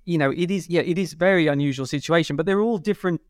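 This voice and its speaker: A man's voice: a little high, rapid-fire, no echo. A man speaking as a panellist in a casual discussion, carefully qualifying his points. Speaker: motorsport panellist.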